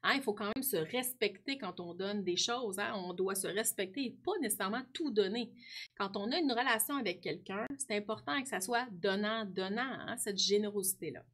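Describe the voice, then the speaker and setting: A woman's voice: mid-range voice, normal speed. A woman teacher explaining a book to her pupils, often adding a questioning tag. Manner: warm explaining, frequent tag "hein". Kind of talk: classroom lesson talking to students.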